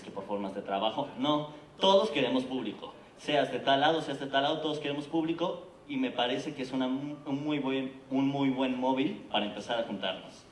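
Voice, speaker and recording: At a theater congress, a medium-pitched male speaker with a Mexican Spanish accent makes an earnest, persuasive case for his theater project, frequently asking the audience "¿no?" or "¿de acuerdo?". The sound comes from a distance in an echoey conference hall, with slight background noise.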